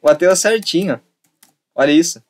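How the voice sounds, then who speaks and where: A man's voice: on the high side, normal speed. A young man giving a casual, repetitive lesson and acting out little dialogues to make a point. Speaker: online tutor.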